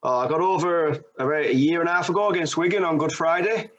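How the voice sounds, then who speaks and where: A man from Rochdale tells stories in a loose, chatty way, dropping northern slang as he goes. His voice sits a touch higher than the average man's. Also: quick pace, a bit bright, muffled recording. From England, Rochdale. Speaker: caller, football fan. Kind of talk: casual chat.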